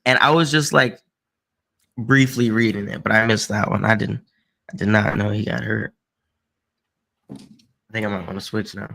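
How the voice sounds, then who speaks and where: A man with a bright, forward voice talks sports like a frat bro, tossing in slang. He sounds like a casual podcast co-host bantering with his buddies. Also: fairly low pitch, steady tone, normal speed, creaky, long pauses.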